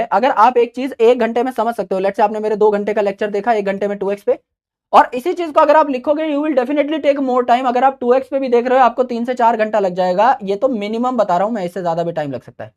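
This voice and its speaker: A man's voice: extremely high pitch, a little fast, darkish tone. A man teaching exam students in a casual advice talk. He is chatty and mixes in English phrases. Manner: chatty, mixes Hindi with English phrases, calls listeners "brother".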